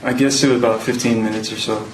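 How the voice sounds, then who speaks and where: A man testifying as a witness in court, recalling events in a halting way with many pauses. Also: mid-range voice, steady tone, noisy background. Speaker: trial witness. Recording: echoey courtroom audio from a distant mic.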